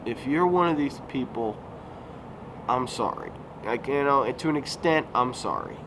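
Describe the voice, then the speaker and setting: Very animated at a moderate pace, a man in his thirties with a medium-pitched voice talks casually in a rambling YouTube vlog, full of fillers and self-corrections. The recording is outdoors at a resort recreation area and noisy with passing vehicles.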